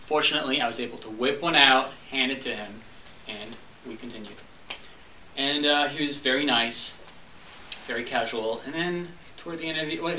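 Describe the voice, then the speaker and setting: This young adult from Montreal, a French speaker, delivers a humorous story to a club meeting room, acting out the dialogue of its characters. His mid-range voice sounds bright and forceful. A distant mic in an echoey room picks him up along with faint background noise.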